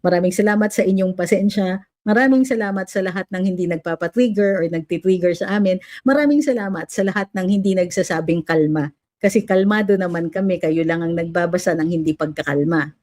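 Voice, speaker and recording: With a fairly low, darkish voice and a fairly quick pace, a Filipino-accented woman reads viewer comments aloud during a relaxed livestream at home, a fan in the room. She mixes Filipino and English and coos at her dog along the way.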